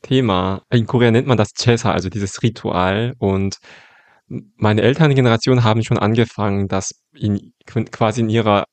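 A man hosting a casual interview, talking calmly and attentively, often ending sentences with a questioning tag. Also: on the low side, normal speed, no room sound. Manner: calm, attentive, frequent "ne?" tags and "mhm". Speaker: podcast host.

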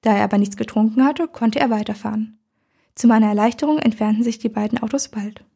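Husky woman reading a story aloud. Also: a little high, fast talker, warm tone. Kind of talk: first-person audiobook narration.

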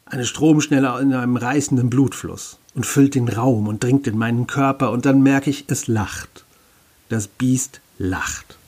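A man narrating a first-person story with wry, self-ironic humor and a husky voice. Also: medium pitch.

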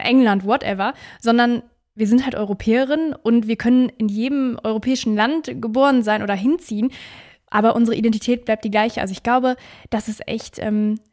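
A woman's voice: fairly high pitch, darkish tone. A woman hosting a podcast, chatty and friendly, with frequent fillers. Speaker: podcast host.

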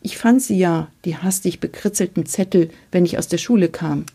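A woman reading a memoir aloud in a measured, earnest storytelling manner. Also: fairly low pitch, dark tone, slightly rough. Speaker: reader.

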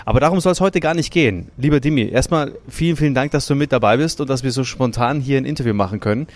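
A man's voice: mid-range voice, quick pace. A man hosting an interview in a restaurant, speaking enthusiastically with many fillers. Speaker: podcast host, interviewer. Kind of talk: casual interview. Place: restaurant in Munich.

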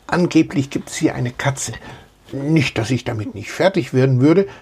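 A man's voice: medium pitch, animated, moderate pace, darkish tone, breathy edge. A man voicing a brave, boastful little boy mouse in a storybook, who talks in a reassuring, boasting way. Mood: eager.

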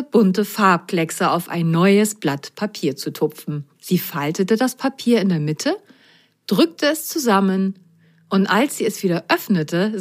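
A woman narrating a children's story in a gentle, clearly spoken way. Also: medium pitch.

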